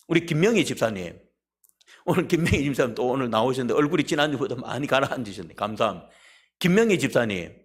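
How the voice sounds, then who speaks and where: A middle-aged man preaching a sermon as pastor, animated, calling on members of the congregation by name and asking rhetorical questions. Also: on the high side.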